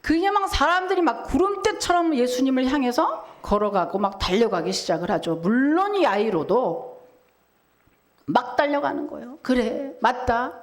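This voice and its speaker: A woman's voice: high voice, very animated, normal speed. A middle-aged woman pastor preaching a sermon, telling a story vividly and asking the congregation rhetorical questions.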